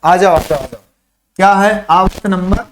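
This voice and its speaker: High-voiced man teaching chemistry mnemonics. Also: fairly even intonation, slight background noise. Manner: drills mnemonics, repeats phrases slowly for dictation; asks and answers his own questions. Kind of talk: online classroom lesson.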